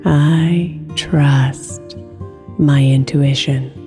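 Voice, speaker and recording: A woman guiding a meditation in a slow, soft way, with long pauses between phrases. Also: sits low, steady tone. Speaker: meditation guide. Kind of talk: guided meditation. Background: soft guitar music.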